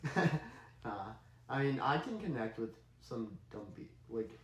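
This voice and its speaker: A man's voice: mid-range voice, big pitch swings, measured pace, roomy sound, slight background noise, poor audio. A teenage boy in a casual chat, teasing and full of fillers.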